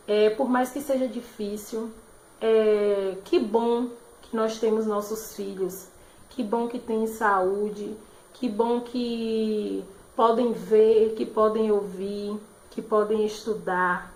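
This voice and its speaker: Brazilian-sounding teacher woman, higher voice, echoey room. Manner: warm, slow and explaining, with frequent "né?" and "certo?". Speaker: primary school teacher. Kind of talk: remote class lesson.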